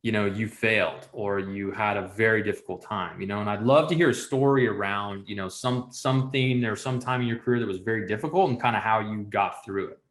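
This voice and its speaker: A man hosting a podcast, telling stories in a lively, casual way, full of "like" and "you know". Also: lowish voice, brisk, hardly any pauses, reverberant. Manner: animated storyteller, peppered with "like" and "you know". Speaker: podcast host. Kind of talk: casual conversational storytelling.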